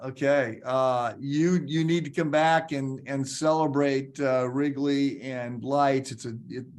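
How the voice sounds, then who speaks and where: A man hosting a podcast, introducing his guest in a loose, rambling way with many fillers and restarts. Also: mid-range voice. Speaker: podcast host.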